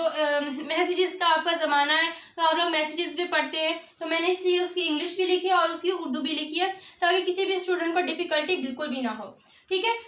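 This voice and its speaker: A woman gives a beginner lecture in a very high, bright voice. She explains each point patiently and keeps checking in with her students. The recording has a noticeable room echo. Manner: explanatory, often adds a check-in filler after each point. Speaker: language teacher.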